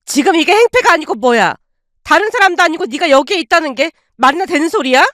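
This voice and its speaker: Casting: woman voicing a fierce aunt, high and fast, tearing into her brother in a radio story. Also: expressive, no echo, studio quality. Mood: furious. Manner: loud, fast, scolding tirades. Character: fierce, furious middle-aged aunt, sharp-tongued.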